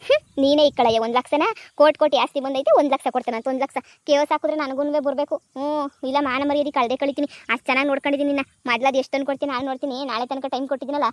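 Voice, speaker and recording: A woman plays a scheming, scolding village mistress in a cartoon comedy, rattling off threats. Her voice sits high and moves quickly. The sound is dry and close. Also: flat delivery, dry recording, close to an everyday voice. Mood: demanding. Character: scheming middle-aged village mistress demanding money.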